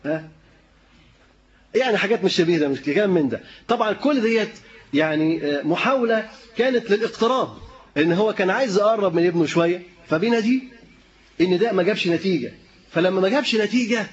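Egyptian preacher, fast, high voice, quizzes his listeners; lo-fi dull recording. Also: slight background noise. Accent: Egyptian Arabic. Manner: lively, questioning the room, chuckling often. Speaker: preacher teaching a class. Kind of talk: interactive lesson with audience.

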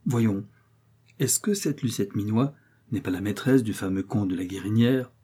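A man reading as an older marquis in a storybook, trusting and naive, speaking with fatherly earnestness. The voice is mellow and slightly husky. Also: lowish voice, lively intonation, normal speed. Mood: kindly. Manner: kindly, earnest.

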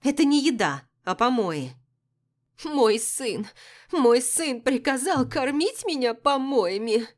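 A woman voicing a haughty, capricious, sickly old empress who bursts out loudly and scornfully. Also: fairly low pitch, expressive, normal speed. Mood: wailing. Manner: loud, scornful outbursts.

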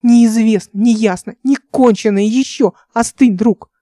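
A passionate young man in a spoken audiobook, heated and pleading with a friend, as a woman reader voices him. Mellow, darkish tone with a dry, close sound. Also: mid-range voice, fairly even intonation, a little slow, no room sound, lightly acted. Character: passionate young male crewman, loyal friend.

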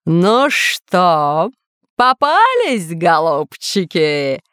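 A gloating masked villain out of a children's storybook, as a woman narrator puts him on. He booms his threats slowly in a lowered voice, with a close, dry sound. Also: wildly swooping pitch, a bit bright, smooth, no room sound, full character voice. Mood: menacing. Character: boastful masked villain, self-styled ruler of the island.

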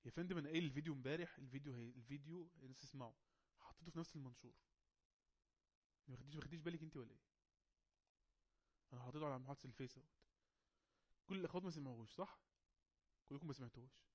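A man with an Egyptian Arabic accent running an online English class, coaxing and teasing quiet students to speak up. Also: medium pitch, rapid-fire, pauses often. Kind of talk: casual online class moderation.

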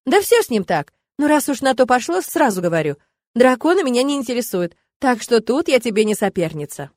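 A woman's voice: on the high side, sing-song, brisk, darkish tone, no room sound, clean studio sound. A woman voicing a playful, teasing young female student.

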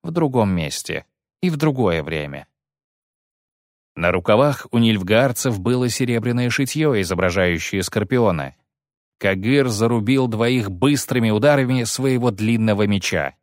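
A man narrating an audiobook in a steady, dramatic storytelling manner. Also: lowish voice, moderate pace, no echo, clean studio sound.

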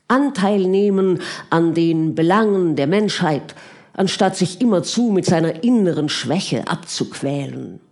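A superior young scholar lectures in an audiobook, as a woman reader voices him. He talks down to his listener and sets out his views as settled fact. The voice sits fairly low. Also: animated, a little slow, darkish tone. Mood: lecturing. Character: confident, condescending young male scholar.

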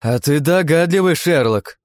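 A man's voice: on the low side, brisk, a little mellow, no room sound, clean studio sound, natural voice. A man voicing a tough, cocky young woman captain in an audiobook, giving clipped commands. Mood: brisk.

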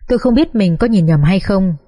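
A woman's voice: mid-range voice, lively intonation, fairly quick, warm tone. A woman reading a sad first-person social drama as an audiobook, with a mournful, heartfelt delivery. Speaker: audiobook narrator.

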